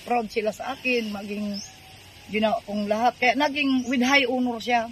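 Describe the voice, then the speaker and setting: An older woman telling her life story in a halting, rambling way, full of fillers, politely adding respectful words. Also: fairly high pitch, steady tone, fairly bright tone, a little hiss or hum. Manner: polite, adds po and ma'am. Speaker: interviewee. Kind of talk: casual storytelling.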